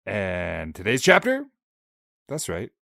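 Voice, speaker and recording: A young adult man co-hosting a casual book podcast, jokey and quick to firmly set his partner straight. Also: on the low side, huge pitch swings, gravelly, pushed and bright, dry recording, studio quality. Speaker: podcast co-host.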